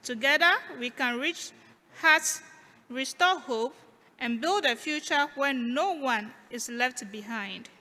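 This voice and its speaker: A woman with a Ghanaian accent gives an emphatic, deliberate podium speech in short rhetorical phrases in a large hall. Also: sits high, bright, forceful tone. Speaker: speaker for a youth foundation. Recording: echoey hall, long reverb.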